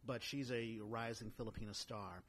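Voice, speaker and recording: A man's voice: fairly low pitch, fairly even intonation, normal speed. A man hosting a podcast interview in a casual, easygoing way, often affirming his guest. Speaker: podcast host.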